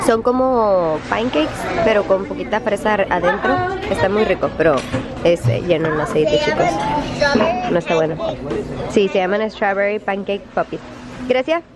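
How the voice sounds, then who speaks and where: A woman, chatting animatedly to viewers into a phone held at arm's length. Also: medium pitch. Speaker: family vlogger. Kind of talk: casual vlog chat. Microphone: phone camera held at arm's length.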